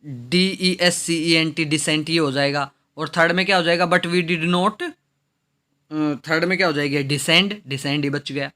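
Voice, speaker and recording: A man teaching English vocabulary with an Indian English accent. He spells words letter by letter, reads sentences out slowly, and asks questions that he then answers himself. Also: a little high, bright, forceful tone. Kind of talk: classroom lesson explaining vocabulary.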